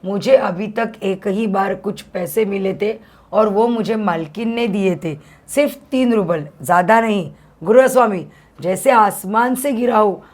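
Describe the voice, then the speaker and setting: A woman's voice: medium pitch, a little slow, a little mellow, lightly acted. A woman reading a meek timid governess. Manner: meek, trembling replies. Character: timid young female governess. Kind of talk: reading a story aloud in class.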